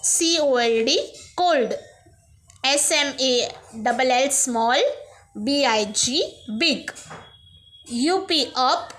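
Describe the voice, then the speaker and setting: A woman's voice: high voice, fairly bright tone. A woman teacher with an Indian accent, giving an English lesson to young pupils, spelling words letter by letter and explaining in Hindi mixed with English. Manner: reads the poem very slowly, then explains quickly in Hindi mixed with English. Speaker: school teacher.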